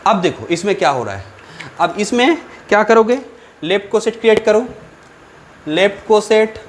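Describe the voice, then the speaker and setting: Guy teaching maths, kinda high voice, repeats himself, faint hiss behind. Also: expressive, normal speed. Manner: repetitive, asks students questions, thinks aloud with fillers. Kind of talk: whiteboard lecture.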